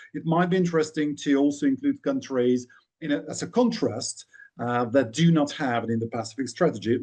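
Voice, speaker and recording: A man from Hungary speaks as a panel discussant over a video call. His voice is mellow and dark. He talks in a measured, academic way, often restarting his phrases. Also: fairly high pitch. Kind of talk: webinar panel commentary. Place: Budapest, remote video call.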